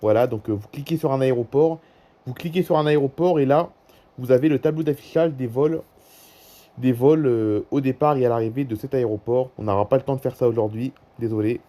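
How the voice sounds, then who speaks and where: This man, a YouTuber with a French accent, walks through a flight-tracking app in a brisk, mellow, mid-range voice. His commentary is casual and unscripted, full of repetition and prompts to look.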